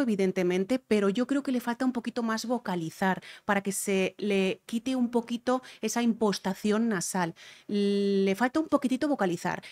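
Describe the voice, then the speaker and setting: A woman's voice: mid-range voice, darkish tone. A woman with a Spain Spanish accent, a vocal coach reacting to a music video and explaining singing technique, repeating her key points.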